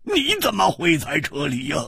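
A man voicing a boisterous, lazy male swordsman who talks in loud, laughing, slangy bursts. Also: fairly low pitch, huge pitch swings, brisk, breathy edge, dry recording, clean studio sound, full character voice. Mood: delighted.

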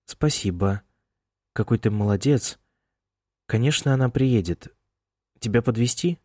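A man's voice: medium pitch, expressive, unhurried, a little mellow, dry recording, clean studio sound. A male narrator voicing a worried middle-aged mother who keeps fussing over her son in an audiobook. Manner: anxious, insistent and fussing.

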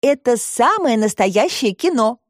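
A woman reader voicing a gentle, curious mother in an audiobook. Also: on the high side, big pitch swings, measured pace, dry recording, clean studio sound, pitched above the performer's own voice. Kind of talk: audiobook reading.

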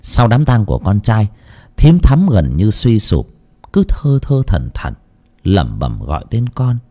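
A man's voice: on the low side, huge pitch swings, a little slow, mellow. A man narrating a ghost story in a dramatic storytelling manner.

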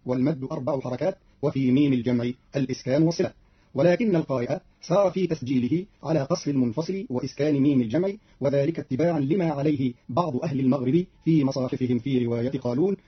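A man's voice: medium pitch, husky. A man narrating as a radio announcer in a formal, instructive manner, heard on a dull lo-fi archival radio recording. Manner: measured, instructive delivery.

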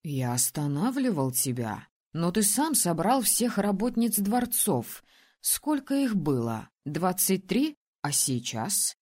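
A woman's voice: fairly low pitch, very animated, slow pace, darkish tone, husky, heavily acted. Woman doing an ancient, condescending male keeper. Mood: calm. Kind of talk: audiobook character voicing.

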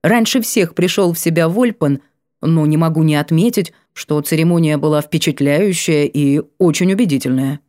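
A polite, slightly awkward court mage, read by a woman in an audiobook. The tone is courteous and a little formal, with a low, mellow voice. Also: moderate pace, no room sound, clean studio sound, natural voice.

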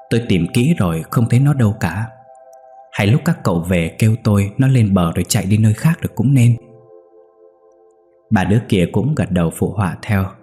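Male storyteller, steady ghost story narration, lowish voice, faint music behind.

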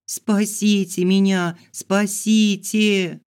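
A man's voice: flat delivery, a little slow, smooth, natural voice. A man voicing a panicked young heroine. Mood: pleading. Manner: shrill panicked shouting and pleading. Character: frightened young woman heroine, bound and desperate. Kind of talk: audiobook character voice.

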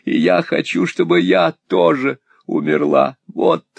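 A man voicing a sulky, jealous young woman, shrill, petulant and tearful, in a storybook reading. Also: moderate pace, gravelly, no room sound. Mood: spiteful.

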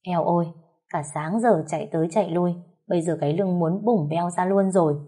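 A woman tells a first-person family story in a dramatic, emotional way. Her voice sits low and mellow, soft at the top. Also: a little fast, slightly rough.

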